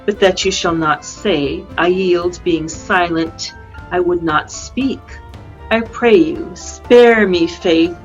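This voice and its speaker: A woman with a fairly low-pitched voice reads a proud, sharp-tongued young princess in an amateur Shakespeare production. Her formal verse is measured and coolly polite. The sound comes through a dull lo-fi video call with soft music in the background.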